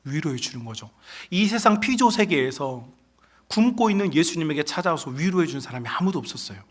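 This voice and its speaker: Male pastor giving an emphatic Sunday sermon, voice pitched a little high. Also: big pitch swings, fairly quick. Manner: emphatic, often addresses the congregation directly.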